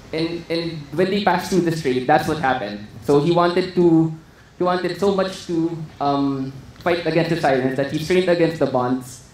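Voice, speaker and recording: Man, conference speaker, halting delivery, slightly high voice, booming hall reverb. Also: a little mellow. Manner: hesitant, many fillers and restarts. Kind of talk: conference talk. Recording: echoey hall with faint noise.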